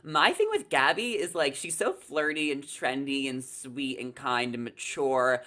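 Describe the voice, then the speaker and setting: This young adult man co-hosts a reality TV recap, talking in an animated, unhurried way with a sharp tone and a mid-range voice. His live commentary is casual, chatty and emphatic, delivered over a video call from a small room indoors.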